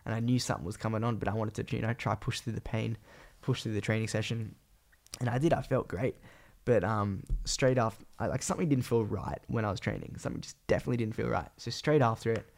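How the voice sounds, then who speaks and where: A young man with an Australian accent talks in a low, gravelly voice, croaky and thick with phlegm from being sick. He rambles through a casual solo podcast catch-up with plenty of slang. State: sick with a cold, voice partly gone. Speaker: podcast host and vlogger.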